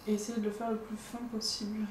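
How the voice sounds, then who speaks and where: This young woman vlogger narrates a casual makeup tutorial in a quick, slightly mellow, medium-pitched voice that barely rises or falls. She chats along, often saying "donc" and tossing in light jokes at her own expense. The audio sounds roomy, with faint background noise.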